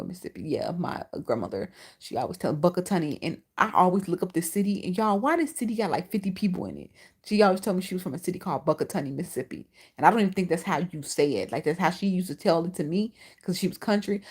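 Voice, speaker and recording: Hosting a livestream, a woman with a lisp and a Chicago accent chats casually, responding to viewers bluntly, animatedly, and with plenty of profanity. Her voice sits on the low side with a slightly rough texture.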